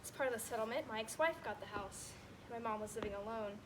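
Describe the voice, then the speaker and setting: A woman's voice: on the high side, quick pace, lightly acted. A young woman on stage playing a divorced grown son who tells stories about his mother and mimics her lines. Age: late teens. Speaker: student actor. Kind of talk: stage monologue. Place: school theater stage. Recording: hissy stage recording.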